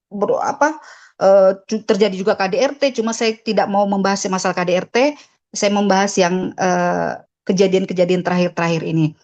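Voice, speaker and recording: A woman's voice: mid-range voice, darkish tone. A middle-aged woman giving a personal church testimony, telling her story with feeling and acting out remembered conversations.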